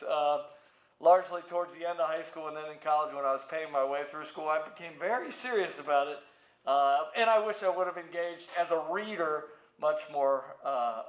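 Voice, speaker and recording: His voice a bit bright and on the high side, a middle-aged American man answers interview questions with relaxed, playful storytelling. He's a museum president and CEO, recorded in an echoey room where the audio sounds slightly dull.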